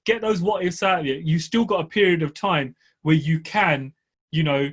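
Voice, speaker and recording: A man co-hosting a podcast in casual chat, blunt and direct, swearing freely and swinging up in pitch to stress his points. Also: normal speed, slightly rough. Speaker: podcast co-host, property investor.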